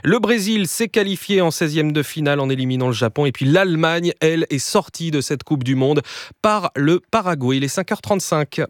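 A man anchoring a morning radio news bulletin, reading in a clear, measured way. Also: fairly high pitch. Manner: clear, measured newsreader delivery.

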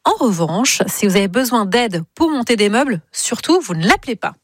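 A woman's voice: a little high, big pitch swings, moderate pace, dry recording, clean studio sound. Woman reading a radio intro. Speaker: radio presenter. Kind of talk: scripted radio announcement.

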